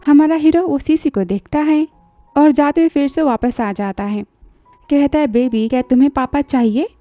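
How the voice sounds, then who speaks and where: A woman's voice: sits high, moderate pace, warm tone, dry recording, faint music behind. A woman narrating a drama recap in a chatty storytelling way, briefly acting out the characters' lines.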